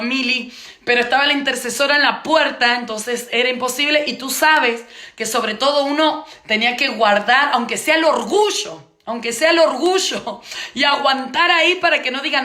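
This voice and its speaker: A woman's voice: high-pitched, sharp tone. A woman preacher telling a testimony as part of a sermon, in vivid storytelling that repeats phrases for emphasis. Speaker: preacher teaching on intercession. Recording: echoey room.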